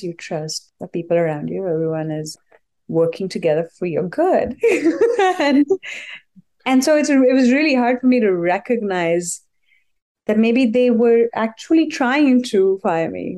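A woman's voice: mid-range voice, mellow. A woman from India, a guest telling a personal story earnestly and thoughtfully, with many "like" fillers.

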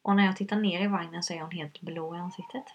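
A woman with a low, gravelly voice recounts a personal story in an interview. Her tone is husky and a little rough, and she talks hesitantly with many fillers, earnest throughout. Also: fairly even intonation. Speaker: guest.

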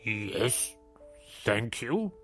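A man voicing a grumpy, vengeful male badger villain who talks in slow threats. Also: lowish voice, very animated, a bit bright, soft background music, heavily acted. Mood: sheepish.

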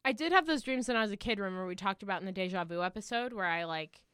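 A young woman co-hosting a casual podcast, telling her dreams in an animated way and acting out the lines of the people in them. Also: medium pitch, rapid-fire, clean tone, no room sound, clean studio sound. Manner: animated storyteller, acts out dream dialogue. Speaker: podcast co-host. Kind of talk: casual chat.

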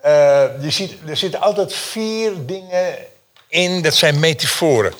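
As an interview guest, a male painter spins animated stories, dramatic and emphatic, often repeating phrases for impact. He speaks a little slowly with lively intonation, and his voice sits high with a fairly bright tone.

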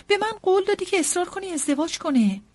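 A woman voicing a fussy, excitable middle-aged mother in an audiobook, pushing and pleading in a rush. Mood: agitated. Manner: shrill, pushy, breathless insistence. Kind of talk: audiobook character reading.

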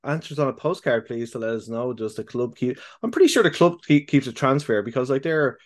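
A man co-hosting a podcast, talking casually in halting bursts full of restarts and fillers, with casual swearing. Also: medium pitch, expressive. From the UK and Ireland. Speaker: podcast co-host. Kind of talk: casual chat.

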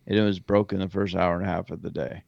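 A man's voice: low-pitched, flat delivery, fast, gravelly, no echo, muffled recording. A man co-hosting a podcast, telling a rambling trip story in casual chat and correcting himself as he goes. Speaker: podcast co-host.

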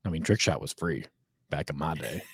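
Deep husky podcast guest man. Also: a little fast, a bit bright, dry recording, clean studio sound. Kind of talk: casual podcast chat.

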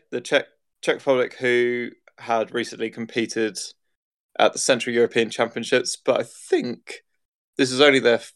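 A man's voice: medium pitch, a bit bright. A man hosting a podcast, introducing the episode in a loose, rambling way with uhs and restarts. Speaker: podcast host. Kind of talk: casual chat.

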